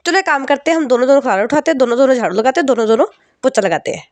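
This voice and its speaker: A woman's voice: high-pitched, rapid-fire, a little mellow, no echo, pitched above the performer's own voice, natural voice. A woman voicing a cheeky young daughter who complains and coaxes in a whiny way.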